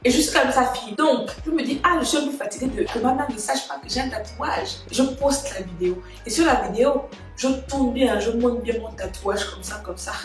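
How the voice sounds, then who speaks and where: Young woman, storytime vlog, dramatic animated telling, very echoey room, faint music behind. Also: on the high side, fairly quick. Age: young adult. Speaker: vlogger.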